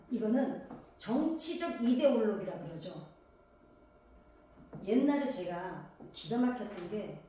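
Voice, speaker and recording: A woman's voice: medium pitch, warm tone, a little hiss or hum. A woman from Gangwon Province, South Korea, preaching a sermon in a conversational way, firing rhetorical questions at the congregation. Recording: very echoey hall, voice from a distance.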